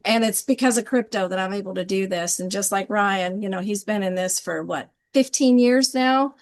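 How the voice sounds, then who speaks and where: Gushing woman host, gravelly fry, mid pitch, video call. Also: moderate pace. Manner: upbeat, gushing. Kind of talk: introducing a guest on a group call.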